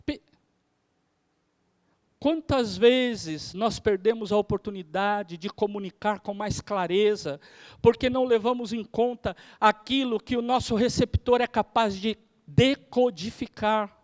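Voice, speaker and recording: A man, a theology professor lecturing on preaching, shifting his pace and loudness for emphasis. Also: sits high. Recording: hall reverb.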